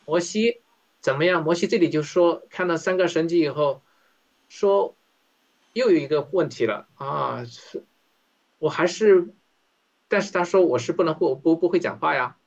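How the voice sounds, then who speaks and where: A man's voice: fairly high pitch, moderate pace, vocal fry, pauses often. A man leading an interactive Bible study, talking conversationally and often asking his listeners questions. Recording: dull lo-fi recording.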